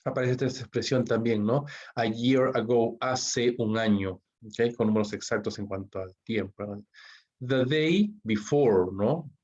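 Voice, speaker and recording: A man's voice: medium pitch, unhurried, darkish tone. A man with a Peruvian Spanish accent teaching English grammar in an online class, walking through the rules step by step and checking in with "¿ok?" after nearly every line. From Peru. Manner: explains step by step, checks with constant "¿ok?" and "¿no?". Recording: dull lo-fi recording.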